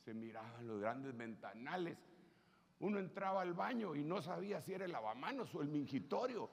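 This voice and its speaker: A Honduran man in his sixties, a pastor preaching a sermon by telling stories, animated and joking as he acts out the people he quotes. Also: fairly high pitch, moderate pace. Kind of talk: storytelling sermon.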